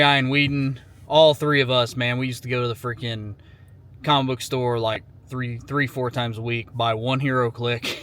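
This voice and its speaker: A man's voice: medium pitch, fairly bright tone, a little hiss or hum. A man in his thirties from Ohio, chatting casually and rambling with lots of fillers as he drives and vlogs. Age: 30s. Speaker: vlogger. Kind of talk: casual talking while driving. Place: in a car.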